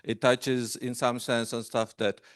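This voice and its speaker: A male guest lecturer from Romania speaks in a smooth, resonant voice that sounds close and dry. He talks hesitantly, with frequent fillers and restarts. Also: mid-range voice, flat delivery, unhurried, no room sound. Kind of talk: academic lecture. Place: lecture room.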